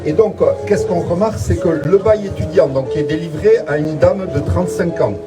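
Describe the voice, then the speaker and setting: Outdoors in front of a museum, a man leads a tongue-in-cheek guided tour in a fairly high voice, speaking a little fast over music. His delivery is mock-solemn and full of hesitations.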